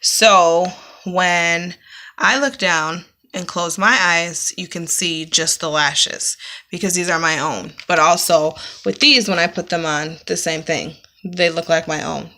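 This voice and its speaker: A bright-voiced woman chatting through makeup tips. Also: lowish voice, measured pace, creaky. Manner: chatty, explains step by step with frequent ums. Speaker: beauty vlogger. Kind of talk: casual makeup tutorial. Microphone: camera mic, close-ups to the lens.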